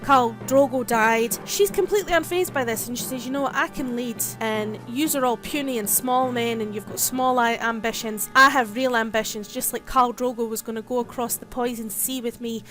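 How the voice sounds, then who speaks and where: A woman's voice: on the high side, fairly quick, few pauses, a bit bright, faint music behind. A woman giving a casual, chatty recap of a TV episode, paraphrasing the characters' lines as she goes. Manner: chatty retelling with paraphrased quotes. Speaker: TV show reviewer.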